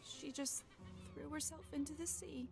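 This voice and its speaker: A woman's voice: high-pitched, fairly even intonation, normal speed, creaky. An actress playing a grieving young woman in a video game, telling her story earnestly and sorrowfully. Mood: sad. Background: game music.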